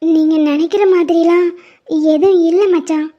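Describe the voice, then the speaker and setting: A woman voicing a tender young woman in love in an animated story, speaking in a soft, pleading, tearful way. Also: very high voice, normal speed, highs cut off.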